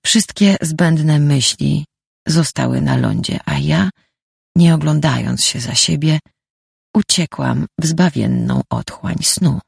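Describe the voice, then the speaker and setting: A woman narrates a first-person novel calmly and reflectively. Her voice is strongly gravelly and husky, with lively pitch movement. The recording is close and dry. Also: takes it slowly, no echo. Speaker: audiobook narrator.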